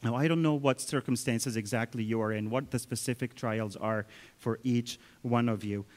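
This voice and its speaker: Speaking at a moderate pace in a mid-range, slightly mellow voice, a man tells his sermon like a story and keeps turning to talk to the children. The long echo of the church hall hangs around his words.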